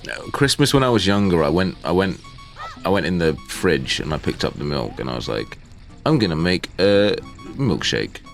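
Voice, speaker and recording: A man with a very low voice tells loose, rambling anecdotes in casual chat. His pitch swings widely as he acts out quoted lines, and there is faint music underneath. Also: animated, brisk. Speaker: podcast co-host.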